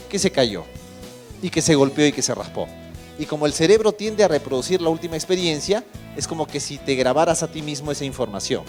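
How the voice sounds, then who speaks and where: A man's voice: fairly high pitch, darkish tone. A man with a Peruvian accent giving a motivational lecture, asking the audience rhetorical questions and repeating key points. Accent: Peruvian Spanish. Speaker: motivational speaker. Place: conference hall.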